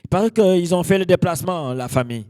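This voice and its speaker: Party mc in a drama, genial, pauses a lot, higher male voice, dry close sound. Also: expressive, dark tone, no echo. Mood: ceremonial. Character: genial master of ceremonies at a family celebration.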